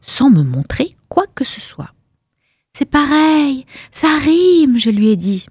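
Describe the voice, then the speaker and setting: Woman in her 50s, story reader, swooping lively pitch, dry close sound, ironic and playful. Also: takes it slowly, dry recording. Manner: playful, ironic, self-correcting. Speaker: author reading her story. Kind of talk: performed story reading.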